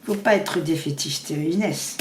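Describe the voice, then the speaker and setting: A woman doing a casual tarot reading, talking fast and rambling with many restarts. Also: low-pitched. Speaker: tarot reader. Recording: echoey room with faint noise.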